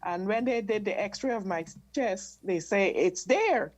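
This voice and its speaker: A woman's voice: medium pitch, expressive, a little slow. A woman from Guyana, calling in for advice over a video call and speaking hesitantly, often restarting her sentences. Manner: hesitant, restarts and repeats words. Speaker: caller seeking advice. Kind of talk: casual conversation.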